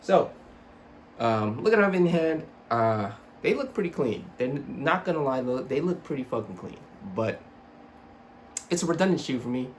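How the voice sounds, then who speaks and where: A man's voice: mid-range voice, very animated, normal speed, slight background noise. A young man speaking slightly slurred through braces, giving a casual, rambling, self-deprecating and sweary sneaker review in a home room. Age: young adult. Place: small home room with computer desk.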